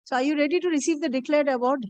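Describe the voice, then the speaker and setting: A woman's voice: sits high, fairly even intonation, very fast, a little mellow, highs cut off. A woman with an Indian accent presiding as judge, firmly questioning and explaining the law in a courtroom. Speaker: judge presiding over a hearing. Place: courtroom live stream.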